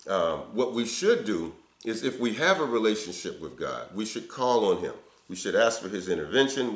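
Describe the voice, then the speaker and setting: A man's voice: lowish voice, echoey room. An older man preaching a sermon in an earnest, conversational way, recorded on a webcam in an indoor office. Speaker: pastor. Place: indoor office before window blinds.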